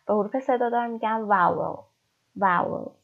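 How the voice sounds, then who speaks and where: Gravelly-voiced woman teaching a lesson. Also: medium pitch. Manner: explains step by step, reading example sentences slowly. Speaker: English teacher. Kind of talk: recorded online language lesson. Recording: dull lo-fi recording.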